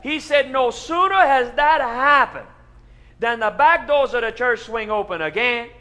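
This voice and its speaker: A man's voice: very high-pitched, animated, pitched above the performer's own voice, heavily acted. A man with a Cajun accent voicing an earnest pastor who tells an absurd tall tale in comic storytelling, drawn out and emphatic. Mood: excited, incredulous. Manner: loud, drawn-out, emphatic preaching delivery.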